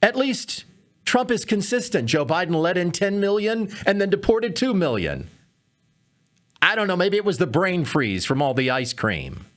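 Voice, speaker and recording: A man's voice: high-pitched, very animated, moderate pace, a bit bright. A man hosting a comedy podcast, giving sarcastic political commentary full of mocking rhetorical questions.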